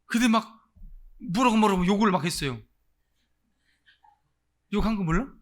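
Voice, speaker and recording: A man preaching a Sunday sermon as pastor, swinging between loud exclamations and near-murmurs and putting direct questions to the congregation. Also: high voice, expressive, normal speed. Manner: acts out voices of those he quotes. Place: church service.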